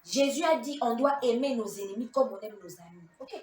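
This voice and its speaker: A woman telling a lively story in a church sermon, acting out the dialogue with laughter and emphasis. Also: on the high side, a little fast, a little hiss or hum. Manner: animated, dramatizes dialogue, laughs. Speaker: church speaker. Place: church hall. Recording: echoey room from a distance.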